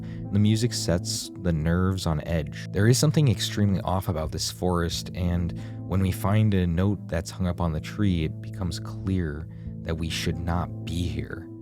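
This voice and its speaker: A male video essay narrator with a low-sitting voice reads scripted narration about a horror game at a moderate pace. He delivers it in a dramatic, ominous storyteller manner over background music.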